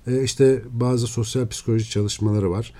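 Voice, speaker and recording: A male neuroscientist guest giving steady, lecturing explanations in a radio interview. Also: medium pitch, normal speed.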